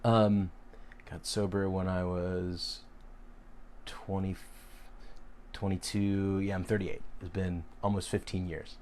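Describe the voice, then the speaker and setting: A man's voice: sits low, little pitch movement, slow, long pauses, a little mellow, a little hiss or hum. A man in his late thirties hosting a casual live Q&A, answering viewer questions in a frank, rambling way with frequent fillers and restarts. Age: 30s.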